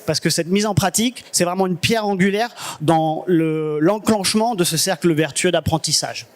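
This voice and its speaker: Man, slightly high voice, conference presentation, informal, fillers. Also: moderate pace. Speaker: conference speaker.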